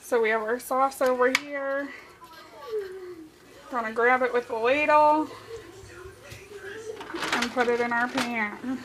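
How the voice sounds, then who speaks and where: A woman's voice: fairly high pitch, steady tone, slow pace, long pauses. A young woman giving casual step-by-step cooking instructions in a home kitchen, her voice a little worn. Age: young adult. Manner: chatty, step-by-step instructions to viewers. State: losing her voice. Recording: cooking and dish noise in the background.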